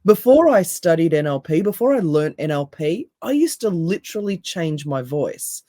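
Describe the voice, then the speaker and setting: A woman with a deep, raspy voice and an Australian accent, speaking emphatically as a coach in a podcast interview and firing off rhetorical questions. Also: very animated, moderate pace, warm tone, no room sound, studio quality. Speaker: NLP coach and hypnotherapist, guest.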